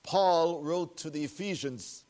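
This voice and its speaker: A male pastor preaches into a pulpit microphone in a church sanctuary. His voice sits fairly high for a man, and he unhurriedly leans on key words with earnest, solemn emphasis. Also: unhurried, darkish tone. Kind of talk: prayer and sermon.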